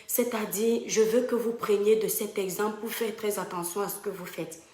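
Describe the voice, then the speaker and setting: A woman's voice: medium pitch, fairly even intonation, moderate pace, dark tone. A woman from Cameroon, talking directly and emphatically to online followers as she tells a personal story from home. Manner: emphatic, fond, addresses viewers directly. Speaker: live-stream storyteller. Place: home room. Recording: roomy home echo.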